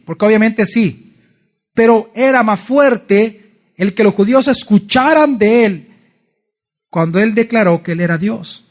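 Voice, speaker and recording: A male pastor gives a Bible study sermon in church. His voice sits high for a man, and he keeps stopping to put questions to his listeners. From El Salvador. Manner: asks the congregation frequent questions.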